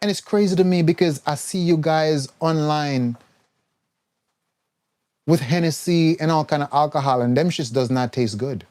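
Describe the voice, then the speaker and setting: A man's voice: fairly high pitch, moderate pace, a little mellow. A man giving a blunt, scolding health talk on a live stream, mimicking the people he quotes. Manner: mimics others in quoted voices. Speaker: herbal health coach.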